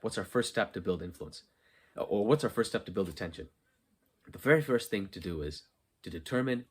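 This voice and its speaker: A man's voice: on the low side, breathy edge. A man hosting a solo podcast from an unfinished basement, talking earnestly and emphatically, asking questions and answering them himself. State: just after working out. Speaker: podcast host. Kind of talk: solo motivational podcast talk.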